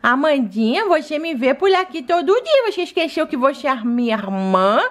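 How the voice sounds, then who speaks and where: A woman's voice: high voice, big pitch swings, normal speed. A woman voicing a bossy, exasperated older sister doll girl in a toy play video. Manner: scolding, exasperated.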